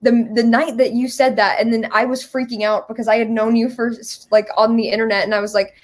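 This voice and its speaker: This young adult woman, a musical writer being interviewed, has a voice on the high side that barely moves in pitch and runs a little fast. She tells her story informally, acting out small pieces of dialogue.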